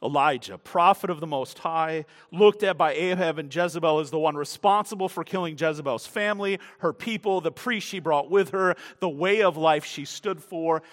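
A man preaching a sermon as pastor, dramatic and emphatic, swinging from hushed asides to loud declarations. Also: a little high, moderate pace, few pauses. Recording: long reverb from a large room.

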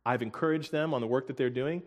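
Man, sermon, earnest, emotional, halting restarts, soft laughs. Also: medium pitch. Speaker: preacher.

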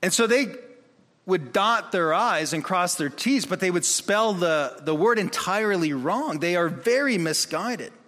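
A man preaching a sermon in an animated way, acting out the voices of the people in his story. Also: sits high, a little slow. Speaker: pastor. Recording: long reverb of a hall.

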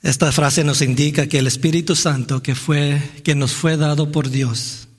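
A man's voice: on the high side, steady tone, moderate pace, slightly rough. A man preaching a sermon in a church, earnest and reflective, often restarting phrases and asking "¿no?". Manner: earnest, with frequent restarts and rhetorical "¿no?". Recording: long hall reverb.

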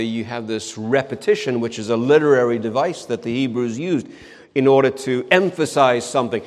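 A man preaching a sermon in an earnest way, repeating words for emphasis and slowing down on key phrases. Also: medium pitch, big-room sound. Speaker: pastor.

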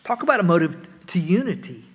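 A man's voice: sits high, sing-song, quick pace, fairly bright tone, breathy edge, in a large hall. A man preaching a sermon earnestly, often repeating words as he explains.

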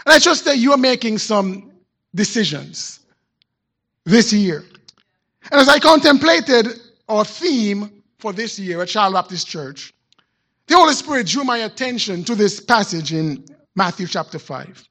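A male pastor delivering a sermon in church, telling a story in a measured, reflective way with deliberate pauses. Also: sits high, big pitch swings, pushed and bright. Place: church sanctuary.

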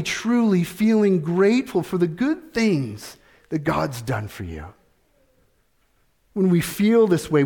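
A middle-aged male pastor delivers a sermon at an unhurried, deliberate pace. His voice sits a little high for a man. He leans on repeated phrases and rhetorical questions. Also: a little mellow.

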